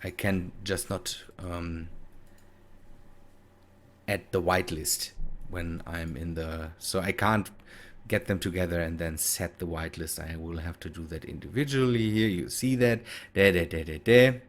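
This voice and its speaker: Talking casually over gameplay, a native German speaker with a German accent thinks aloud, hesitating and correcting himself as he goes. His low voice stays steady at a measured pace, and there's a little hiss or hum. He's the host of a gaming video.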